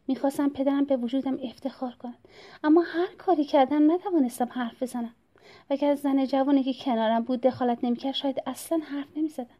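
A woman reading a novel aloud as an audiobook narrator, telling the story steadily in first person. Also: sits high. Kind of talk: scripted narration. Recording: dull lo-fi recording.

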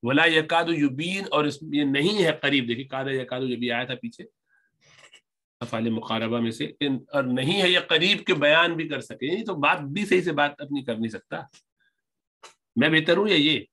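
A man teaching Arabic grammar, reading lines slowly and explaining them word by word. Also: fairly high pitch, bright, forceful tone. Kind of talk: grammar lesson, reading and translating Arabic text.

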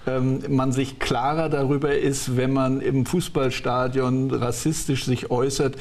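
A man's voice: medium pitch, flat delivery, measured pace, darkish tone. A middle-aged man hosting a studio talk show, asking long, winding questions with fillers. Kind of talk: moderating a studio discussion.

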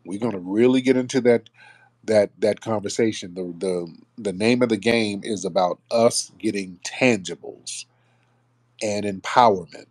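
A man with a fairly low voice hosts a live online call-in audio room, speaking a little slowly in a relaxed, friendly way and calling listeners up by name one by one. The recording is dry.

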